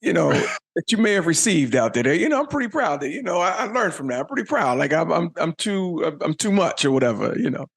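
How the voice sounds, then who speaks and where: A man hosts a relaxed interview, pitched a little above the usual male range. He asks his questions in an encouraging way, often restarting them mid-phrase. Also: fairly quick, vocal fry, breathy edge. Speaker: podcast host. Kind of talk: casual interview conversation.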